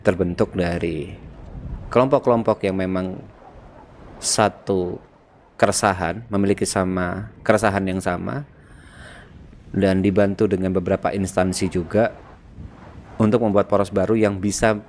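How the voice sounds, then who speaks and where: A man with a somewhat low voice speaks in character for a roleplay game. He talks formally and deliberately, like someone giving a speech. A faint hum sits behind him. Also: steady tone, a little mellow. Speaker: roleplay player proposing an alliance.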